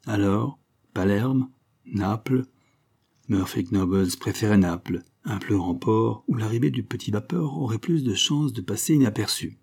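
A man narrating an adventure novel in a steady, even storytelling way. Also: fairly low pitch, measured pace, gravelly. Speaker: audiobook narrator.

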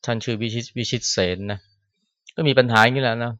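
A man, a Buddhist monk, giving a conversational Dhamma talk in a temple hall, with a soft particle closing his phrases and scolding quotes acted out now and then. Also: mid-range voice, level tone, fast talker, lo-fi sound. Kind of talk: sermon. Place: temple hall after chanting.

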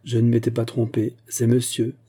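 A man's voice: mid-range voice, monotone, moderate pace, dark tone, husky, close to an everyday voice. A man voicing an indignant veteran musketeer captain who hammers his words and swears. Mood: furious indignation.

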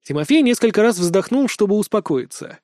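A man narrating an audiobook in a steady, dramatic storytelling manner. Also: high voice, a little fast, dry recording, clean studio sound. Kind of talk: scripted narration.

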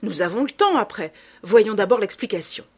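A pedantic, curious old scholar, voiced by a woman reading aloud, measured and explanatory in tone. The voice is a little breathy and swings lively in pitch. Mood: reasoning.

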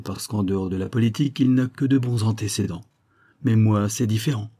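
A man's voice: medium pitch, mellow, husky. A man doing a cynical scheming crook. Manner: coolly reasoning, persuasive. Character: cynical scheming male criminal plotting a murder. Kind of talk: audiobook character voice.

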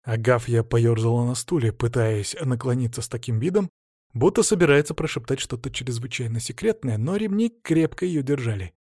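A man reading a first-person story aloud with a wry, expressive delivery. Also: medium pitch, fairly quick, dry recording, clean studio sound. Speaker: audiobook reader. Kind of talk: scripted first-person narration.

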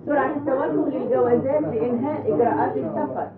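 A female airport announcer calls passengers over the loudspeaker in a formal, even voice. The sound is thin and phone-like, as from an old radio play. She is heard from afar through an echoing hall over a busy crowd. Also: high voice, fast talker, recorded from a distance. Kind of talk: old Egyptian radio drama.

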